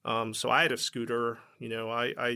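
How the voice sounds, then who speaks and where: Bright-voiced chatty man telling stories. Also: medium pitch, little pitch movement, a little fast, creaky, smooth. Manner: chatty, heavy with "like" fillers, acts out dialogue. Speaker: startup founder, guest. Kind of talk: casual interview storytelling.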